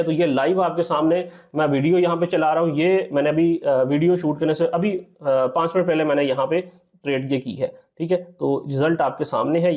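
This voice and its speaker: High-voiced man teaching chart trading. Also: a little mellow. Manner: explanatory, repeats "theek hai" often; addresses viewers as "sir". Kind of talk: screen-recorded trading tutorial.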